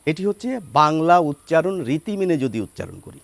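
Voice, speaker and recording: A man giving a spoken lesson on pronunciation, spelling words out slowly step by step and asking rhetorical questions. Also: a little high, sing-song, vocal fry, dry recording. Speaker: Bengali pronunciation teacher.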